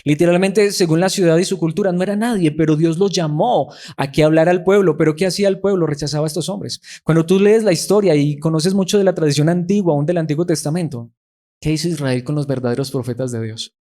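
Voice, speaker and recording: Preacher guy, slightly high voice, keeps asking the church questions. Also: fast talker, dark tone. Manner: asks the congregation rhetorical questions. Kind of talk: sermon.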